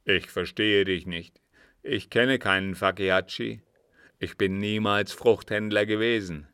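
A man's voice: lowish voice, fairly even intonation, unhurried, bright, forceful tone, clean tone, no room sound, clean studio sound. A man voicing a cunning disguised agent who feigns innocence with emphatic protests, in an audiobook reading. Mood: indignant.

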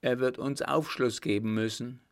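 A man voicing a gracious, commanding emperor who speaks in a measured, formal way in a storybook. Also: medium pitch, fairly even intonation, creaky, lightly acted. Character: commanding older male emperor, calm and gracious.

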